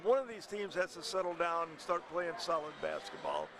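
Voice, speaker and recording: Older coach doing color commentary. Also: male voice, high voice, a little fast, creaky, crowd noise. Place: high school gym.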